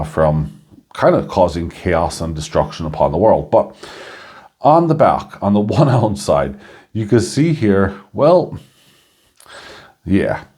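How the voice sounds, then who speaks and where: A man hosting his own channel, chatting casually through a coin review, chuckling now and then and filling pauses with ums and uhs. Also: lowish voice, mellow.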